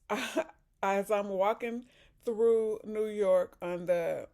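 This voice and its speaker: A woman's voice: mid-range voice, extremely slow, dark tone. A woman from Chicago chatting casually in a vlog, talking while eating and sipping a drink. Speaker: vlogger. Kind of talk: casual chat.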